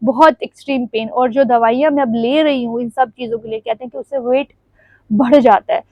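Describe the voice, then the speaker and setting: A woman's voice: fairly high pitch, fairly even intonation, brisk, no room sound, lo-fi sound. A young woman vlogging at home, talking in a rambling, confiding way and laughing often as she chats. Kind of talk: casual chatty vlog. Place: at home, standing before the camera.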